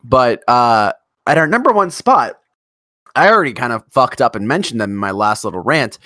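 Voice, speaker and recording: Casual co-host: guy, mid-pitched, chatty and excitable, close dry mic. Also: normal speed, dry recording. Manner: enthusiastic, rambling, swears casually. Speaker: podcast co-host. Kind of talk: casual chat.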